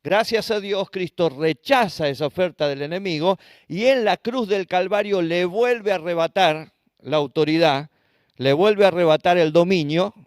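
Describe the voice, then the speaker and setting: A man's voice: sits high, normal speed, dry recording, studio quality. A man with an Argentine accent leading a Bible study class in a church, asking the class questions and spelling out Hebrew words. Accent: Argentine Spanish. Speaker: Bible teacher.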